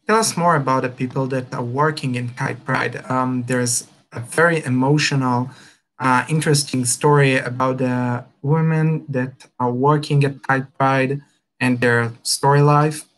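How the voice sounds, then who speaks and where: A man's voice: mid-range voice, steady tone, a little slow, a bit bright. A man hosting a live stream interview over a video call, hesitant and full of fillers. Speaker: host.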